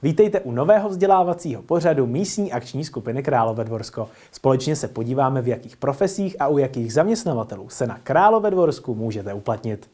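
A man's voice: mid-range voice, hardly any pauses. A young man presenting an educational program in a formal, scripted narration. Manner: formal, even delivery.

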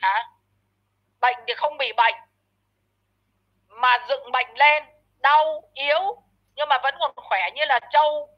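A woman with a high voice rants in a commentary video, heaping harsh insults and tripping over repeated words as she scolds. The audio is dull and lo-fi. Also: slow, pauses often. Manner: frequent stammered repeats. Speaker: online commentator. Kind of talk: ranting commentary vlog.

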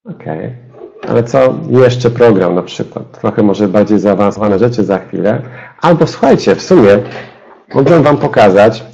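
A low, gravelly man's voice with a dark, mellow tone gives a step-by-step software demonstration. He speaks to his listeners directly, like a trainer in a webinar. The audio is dull and lo-fi. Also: animated, moderate pace, slight background noise. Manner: explanatory, addresses listeners directly.

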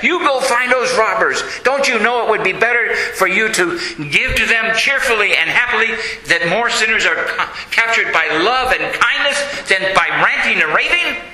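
A man's voice: high voice, expressive, moderate pace, hardly any pauses, bright, forceful tone, roomy sound, voice pushed up, exaggerated voice, low-quality recording. A man preaching, acting out a saint who scolds his follower with rising, pleading questions. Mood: reproachful. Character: scolding elderly male saint, urgent.

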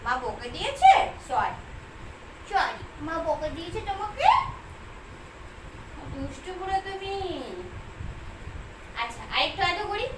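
A woman's voice: very high-pitched, sing-song, unhurried, pauses often. A woman vlogging as she talks to her pet dog in doting, cooing baby talk. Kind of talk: casual baby-talk vlog. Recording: echoey room, far from mic, noisy.

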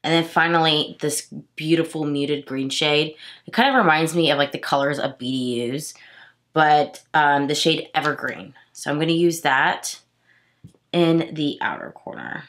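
Speaking a little slowly, a woman in her thirties from Houston has a low-sitting, fairly bright voice that sounds slightly nasal and stuffy. As a beauty vlogger, she chats and rambles through a makeup tutorial in a small room at home, self-correcting often.

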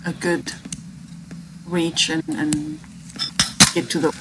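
Female instructor, slightly low voice, chatty explanatory asides to students, clear background noise. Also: level tone, slow pace. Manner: conversational, addressing students directly. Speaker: biology instructor. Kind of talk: informal commentary over a demonstration video. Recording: clear background noise, video playing behind.

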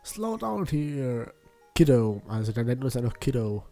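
A man playing a video game policeman who talks down to a kid, reading the lines slowly. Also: medium pitch, very animated, vocal fry, warm tone, soft background music. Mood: stern.

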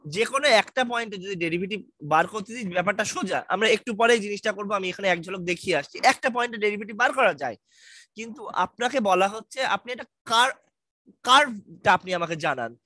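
A man's voice: high-pitched, animated, fast, sharp tone, no room sound. A man with a Bangladeshi Bengali accent teaching a university math lecture online, reassuring and quizzing his students. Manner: reassuring, asks students questions, mixes English terms. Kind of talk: online lecture, casual explaining.

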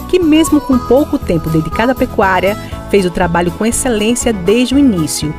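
A woman TV reporter reads a scripted news voice-over. Her pitch is average for a woman, and loud music plays behind her. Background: loud background music.

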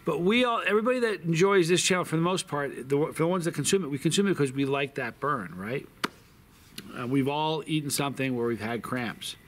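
A little hiss or hum sits under the medium-pitched voice of a middle-aged man running his own hot sauce channel. Sitting close to the camera on a sunny backyard patio, he chats casually and rambles, restarting often and leaning on fillers.

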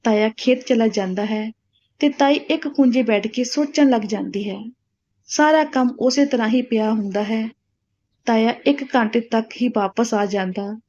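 A woman storyteller reading a story aloud, in a plain, steady way. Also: a little high, normal speed. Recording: dull lo-fi recording.

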